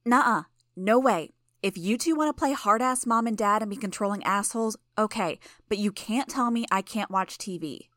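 Bratty teen girl villain, loud and mocking, high voice as a woman narrator puts her on; dry close sound. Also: moderate pace, no echo, lightly acted. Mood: angry.

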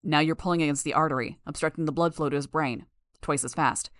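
A woman voicing a big male mentor figure who calmly explains fighting technique. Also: deep voice, quick pace, dry recording, studio quality, close to an everyday voice. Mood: instructive. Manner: calm, instructive. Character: gruff large male mentor with an echoing voice.

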